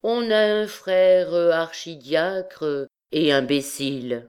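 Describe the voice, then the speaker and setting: A woman's voice: low-pitched, animated, unhurried, a little mellow. A woman voicing a cocky young male student who talks in a teasing, haughty way.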